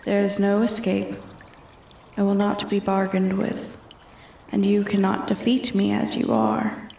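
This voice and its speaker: In a roleplay ASMR, a woman plays an ancient, arrogant female dragon, delivering a scripted dramatic monologue in a haughty, mocking, taunting way that often sinks toward a whisper. Her medium-pitched voice is monotone, unhurried, darkish, with vocal fry. The recording is echoey and distant from the mic, with a little hiss or hum.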